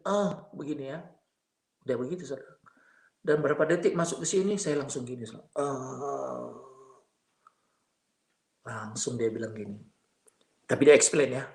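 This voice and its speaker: A man's voice: medium pitch, reverberant. A man giving a spoken testimony, telling his story with feeling and often turning to address his listeners. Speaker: testimony speaker.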